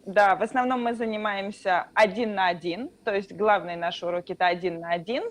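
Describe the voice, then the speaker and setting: In a casual interview, a teacher of Russian from Russia gives calm explanations, stretching out her filler sounds. She speaks in a mid-range voice.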